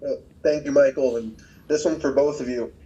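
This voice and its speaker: Male reporter, mellow tone, dull lo-fi sound. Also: medium pitch, steady tone, normal speed. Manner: formal, building a question. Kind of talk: asking a press question.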